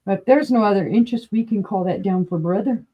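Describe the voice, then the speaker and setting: A woman's voice: mid-range voice, quick pace, lo-fi sound. A woman hosting a live-stream vintage glass auction, chatting casually and describing each piece with asides. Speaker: online glass auction host.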